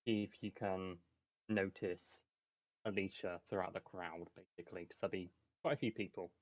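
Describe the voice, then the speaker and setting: A man's voice: low voice, fairly even intonation, moderate pace, lo-fi sound. A man acting as game master for a tabletop game, talking hesitantly with many fillers. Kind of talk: running a tabletop game over a call.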